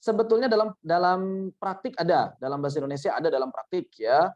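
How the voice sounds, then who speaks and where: A man's voice: fairly high pitch, expressive, fast, darkish tone, muffled recording. A man teaching Quran recitation in an online workshop, patiently explaining with repeated examples.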